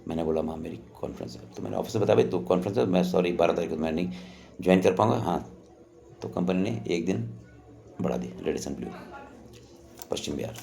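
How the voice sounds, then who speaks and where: A man's voice: deep voice, fast talker, gravelly, pauses often, mellow. An older man casually telling a personal story in a rambling, conversational way, often acting out what others said. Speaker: storyteller recounting a personal memory.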